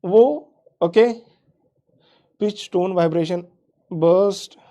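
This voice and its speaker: A man's voice: high-pitched, fairly even intonation, slow pace, dark tone, dull audio. A man teaching kids in a live online class, quizzing the chat and often calling them "beta". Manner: quizzes the chat, calls students "beta", repeats "theek hai"; mixes English into explanations.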